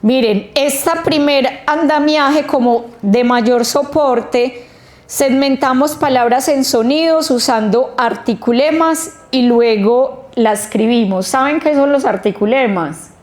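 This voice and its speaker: A woman teaching a literacy training workshop, explaining slowly and stretching out the sounds of words. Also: sits high, a little mellow. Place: training room.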